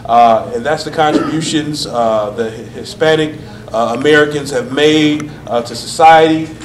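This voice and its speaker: A man introducing a university panel as moderator, pausing often with fillers. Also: a little high. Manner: halting, many fillers. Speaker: event moderator. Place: university auditorium. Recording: echoey hall, room noise.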